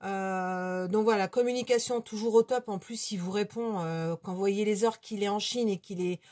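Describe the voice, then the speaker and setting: A woman's voice: mid-range voice, normal speed, a little mellow. A woman hosting her own hobby channel at home, giving a casual, unscripted product review in a chatty, hesitant way full of fillers.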